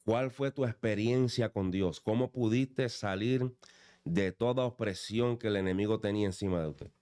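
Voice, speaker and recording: A man hosting a faith podcast, with a lowish voice. He talks like a preacher, building exhortations around his questions. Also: normal speed, dark tone. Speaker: podcast host. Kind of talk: interview, preaching tone.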